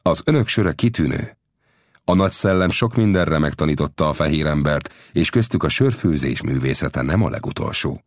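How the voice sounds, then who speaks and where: A man voicing a proud young Apache chief in a storybook reading, speaking in a measured, formal and courteous way. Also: rumbling low, lively intonation, no room sound, studio quality. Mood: dignified.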